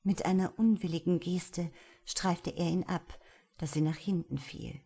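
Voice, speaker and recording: A woman reading a novel aloud in steady, dramatic narration. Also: lowish voice, a little slow, creaky, husky. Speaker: audiobook narrator.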